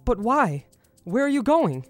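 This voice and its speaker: A man's voice: medium pitch, a little fast, darkish tone, faint music behind, natural voice. An actor playing an earnest, devout young male martial artist in an audio drama. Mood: distraught. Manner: earnest, emotional.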